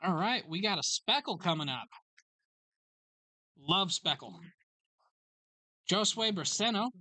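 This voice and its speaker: A host runs a live card break in a sports card shop and reads out each pull in a steady, matter-of-fact roll call. The voice is bright and forward. The sound is dry and close, with little room around it. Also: mid-range voice, no echo. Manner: brisk roll call of card names and numbers.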